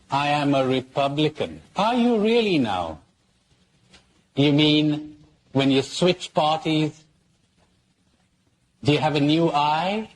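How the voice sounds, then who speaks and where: A man's voice: a little high, slight background noise, low-quality recording. A man, a priest, giving a spiritual conference talk, posing questions and repeating key words for emphasis, with jokes woven in.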